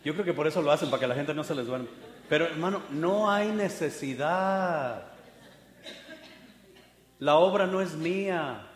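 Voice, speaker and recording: Male pastor, fairly high voice, sermon in a reverberant hall, swings between quiet and forceful, mimics the proud. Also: expressive, normal speed, pauses often. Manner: mocks proud people in put-on voices; shifts from hushed to loud and emphatic. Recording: echoey hall with long reverb.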